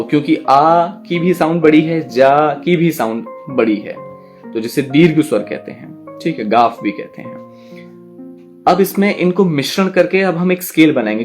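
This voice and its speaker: A man teaching an online class on poetry, explaining patiently and stretching out words syllable by syllable to demonstrate. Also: on the high side. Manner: slow, drawn-out syllable demonstrations; explains patiently, addresses students directly.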